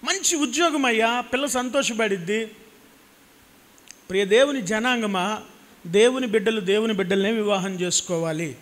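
Standing before a cross backdrop on a church stage, this man in his thirties with a Telugu accent delivers a passionate sermon through a handheld mic, driving points home by repeating phrases. He speaks at a normal pace with long pauses, his high-pitched voice slightly bright, and the hall gives it reverb.

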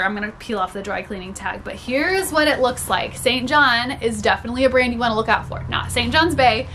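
A young woman who resells online, slightly congested with a cold, shares her thrift haul from a small indoor room stocked with storage bins. She's chatty and upbeat, laughing and saying "like" a lot. Her voice is a little high and fairly bright, with a little hiss or hum.

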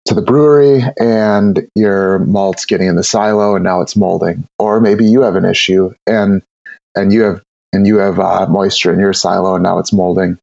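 A man with a lowish, gravelly voice talks shop in a casual interview, looping back over his words with plenty of fillers. The sound is dry and a little dull, with no room around it. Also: fairly even intonation, normal speed, a little mellow, no room sound. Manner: rambling, with many repeated words and fillers. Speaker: guest brewer.

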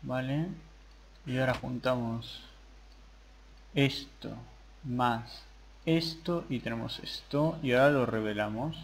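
A man's voice: medium pitch, slow pace, long pauses, slight background noise. A young man hosting a gaming channel, chatting casually through his gameplay and muttering to himself as he plays. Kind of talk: gameplay commentary.

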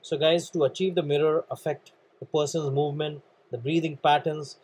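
A man from India with an Indian English accent gives an earnest motivational training talk on networking, often calling listeners "guys" while coughing and clearing his throat. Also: on the high side, flat delivery, moderate pace, a little mellow, rough recording.

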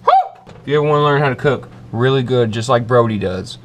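A brash, boastful young man in his twenties hosts a comedic cooking show from a small kitchen, letting out loud whoops. His medium-pitched voice moves fast, and the recording is very noisy.

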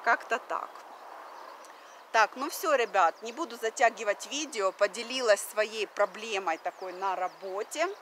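A Russian woman in her thirties vlogs to her phone camera, held at arm's length, while outdoors on a wooden deck by a river. Her voice is medium-pitched, measured and fairly bright. She chats casually with many fillers and mixes in English phrases; faint background noise comes through the outdoor phone recording.

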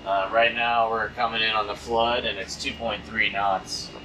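A man's voice: on the low side, level tone, moderate pace, noisy background. A man narrating casually aboard a sailboat as he skippers it, matter-of-fact and explaining as he goes. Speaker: sailing vlogger and boat skipper. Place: aboard a sailboat on open water, outdoors. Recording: voice with background music. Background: music playing under the voice.

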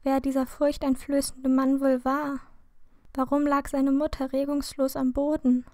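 A woman reads a fan fiction story aloud in a slow, steady narration. Her voice sits a little high but sounds mellow and warm, with very little rise and fall. The recording is close and dry, with no room sound. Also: no room sound. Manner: slow, calm, even reading. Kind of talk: scripted narration.

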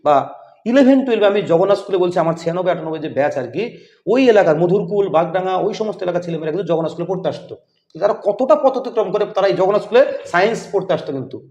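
A man's voice: high voice, very fast, a little mellow. A man interviewing as podcast host, talking in a rambling way with many fillers. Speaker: interviewer, teacher. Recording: echoey, dull lo-fi room.

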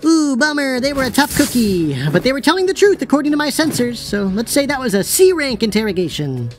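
A woman's voice: high voice, very animated, a little fast, soft background music. A woman voicing a perky female AI detective device, sing-song and upbeat, in video game dialogue.

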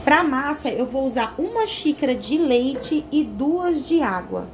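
This casual cooking tutorial comes from a young Brazilian home cook who vlogs, talking viewers through each step in her kitchen with a Brazilian Portuguese accent and regular "tá?" check-ins. Her high voice swings widely in pitch at a measured pace. There's a slight hiss or hum in the audio.

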